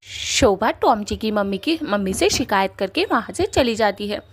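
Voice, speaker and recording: A woman tells a cartoon story in a plain, matter-of-fact way. Her voice sits at a medium pitch. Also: expressive, normal speed, slightly rough. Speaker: narrator. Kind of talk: storytelling narration.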